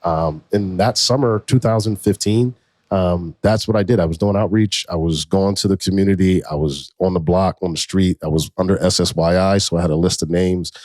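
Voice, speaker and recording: A man in his forties, a podcast co-host, telling his story in a relaxed, slangy way. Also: deep voice, normal speed, no room sound. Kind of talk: casual conversation.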